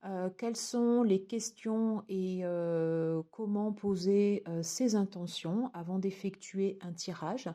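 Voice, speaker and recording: A woman's voice: mid-range voice, slow, few pauses, dark tone. A woman casually reviewing a tarot deck and its guidebook, chatty, with many fillers and restarts.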